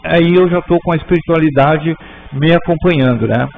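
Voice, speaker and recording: A man's voice: on the high side, creaky. A man teaching a spiritist class in a conversational way, often tagging sentences with "né?" and restarting them. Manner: conversational, frequent "né?" tags, halting restarts. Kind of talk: informal class talk. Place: spiritist center auditorium. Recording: tinny lo-fi with faint hum.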